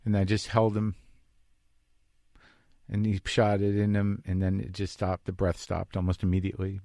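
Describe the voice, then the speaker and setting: A man's voice: deep voice, monotone, normal speed, vocal fry, warm tone, no room sound. Man with a dry close podcast mic. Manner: rambling, confessional storytelling with many restarts. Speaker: podcast host. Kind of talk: casual monologue. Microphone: podcast microphone.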